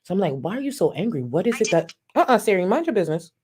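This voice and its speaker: A woman with a darkish, medium-pitched voice speaks very fast in a sing-song way. Streaming live, she reacts to a video and reads super chats with sassy, profane ridicule and plenty of laughter, keeping the commentary casual.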